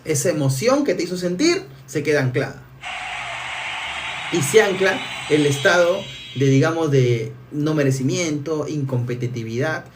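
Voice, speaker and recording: Emphatic man, slightly raised pitch. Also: distant mic. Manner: energetic, emphatic, restarts words often. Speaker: NLP coach. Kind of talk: live stream teaching, answering viewer comments.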